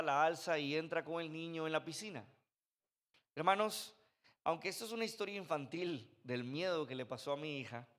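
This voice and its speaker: Man, 30s, high-pitched, conversational storytelling preacher. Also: fairly bright tone. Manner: conversational storytelling with sound effects. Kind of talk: sermon. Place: church. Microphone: handheld microphone.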